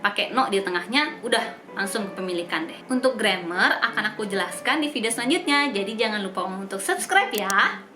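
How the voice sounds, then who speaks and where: A woman's voice: mid-range voice, animated, brisk. A young woman whose first language is Indonesian, hosting a casual language tutorial in an upbeat, chatty way and spelling words out letter by letter. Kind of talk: casual explainer vlog. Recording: echoey room with music behind.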